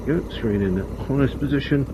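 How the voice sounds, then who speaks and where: This motovlogger has a mid-range voice and a brisk delivery, thinking aloud and rambling as he rides outdoors on country roads. Captured by a helmet intercom mic, his voice is muffled and boxed in amid heavy wind and engine noise.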